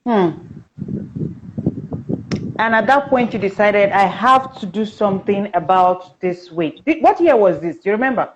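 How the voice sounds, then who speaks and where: A woman's voice: mid-range voice, lively intonation, a little slow, pauses often. A woman interviewer offers short murmured reactions and now and then asks a brief question. The sound is slightly dull, with a faint noise underneath. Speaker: interviewer host.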